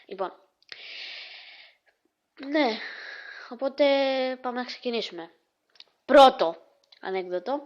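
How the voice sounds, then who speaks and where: A woman vlogger reading jokes aloud in a casual, halting way, with restarts and hesitations, and breaking off to chat to her dog. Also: on the high side, expressive, highs cut off.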